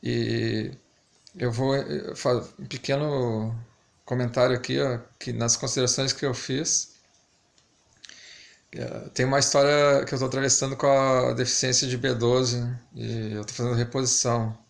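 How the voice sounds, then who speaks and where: A man's voice: medium pitch, level tone, creaky. A man talking casually and reflectively to camera, hesitant, his articulation slightly lisped and stumbling from wearing a dental retainer. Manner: hesitant, reflective, pausing often. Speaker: amateur video maker.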